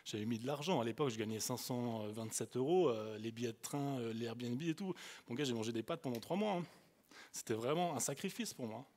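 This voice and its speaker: A young man with an Alsatian accent, preaching a sermon as a youth preacher. He tells stories animatedly, swinging between loud bursts and hushed asides. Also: mid-range voice, a little fast. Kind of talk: storytelling sermon.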